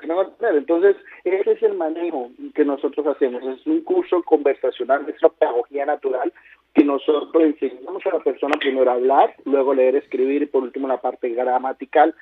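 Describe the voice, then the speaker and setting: Husky man on a phone line. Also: brisk, no room sound. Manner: salesy pitch, peppered with "¿sí?" checks. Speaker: language school director. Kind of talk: promotional phone interview. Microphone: telephone. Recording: tinny dry phone line.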